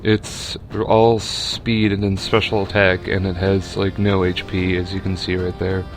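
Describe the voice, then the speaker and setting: A man's voice: deep voice, level tone, measured pace. A young man giving casual, rambling commentary over a video game battle, with lots of fillers and restarts.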